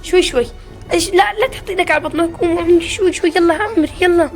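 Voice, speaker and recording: A woman's voice: very high-pitched, racing. A young adult woman, hosting a family prank vlog at home, fussing and doting as she talks. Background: background music.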